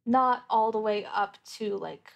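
Taking her time, a woman with a creaky, medium-pitched voice plays a tabletop roleplaying game as a player in an actual play podcast. She speaks casually, pondering her answers aloud.

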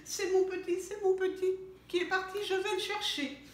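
A woman voicing a fed-up, bossy mother hen with shrill scolding, in an echoey room. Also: level tone, moderate pace, background noise. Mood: worried.

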